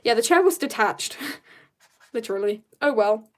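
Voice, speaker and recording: Chatting as she draws on stream, a teenage or young adult woman rambles casually, using slang and giggling through tangents. Her voice is slightly high and animated, delivered at a moderate pace.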